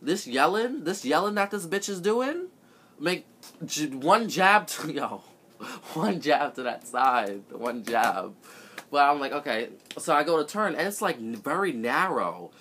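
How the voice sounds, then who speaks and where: A young man telling a story casually and profanely, swinging between loud outbursts and flat, muttered asides. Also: a little high, a little slow, a little hiss or hum.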